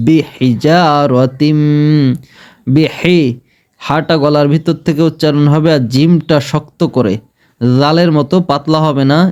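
A man with a Bangladeshi Bengali accent teaching Quran recitation step by step, chanting verses slowly and drawn out between quick explanations. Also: fairly high pitch, a little mellow. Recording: slightly dull lo-fi sound.

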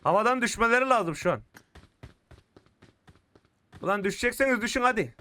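A young man commentating his mobile shooter game, getting frustrated and shouting at opponents. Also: high-pitched, a little fast. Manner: excitable, frustrated outbursts while playing. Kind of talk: live gameplay commentary. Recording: clear game gunfire behind the voice. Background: shooter game gunfire and clicks.

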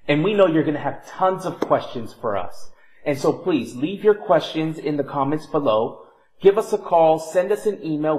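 A man in his thirties, a real estate agent, giving an upbeat, persuasive scripted sales pitch to the camera in a bright home. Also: rough recording. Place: bright home interior, indoors.

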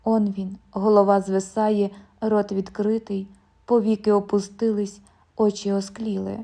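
Mellow woman narrating an audiobook. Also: mid-range voice, creaky. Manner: measured, calm storytelling.

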